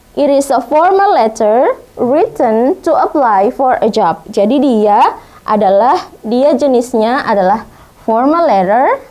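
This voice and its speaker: A woman's voice: on the high side, a little mellow. A woman teacher with an Indonesian accent, giving a bilingual English vocabulary lesson and drilling pronunciation carefully, repeating each word.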